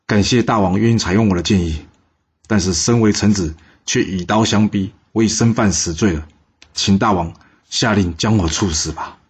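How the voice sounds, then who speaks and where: A man's voice: fairly low pitch, normal speed, husky. Man doing a fiercely loyal old-court minister. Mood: solemn.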